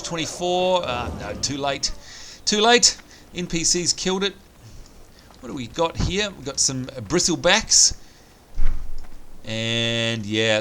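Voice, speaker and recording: A man hosting a let's play talks through his game in a cheerful, chatty way, thinking out loud despite a strained, nearly lost voice. His voice is mid-range and a bit bright. Game sounds and music play behind him, along with a little hiss or hum.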